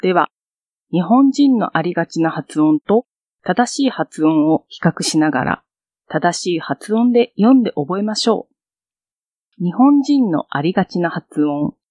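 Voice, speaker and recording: A woman teacher narrating a scripted pronunciation lesson in an explanatory, clearly paced way. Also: on the low side, lively intonation, measured pace, warm tone, no room sound. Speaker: language teacher.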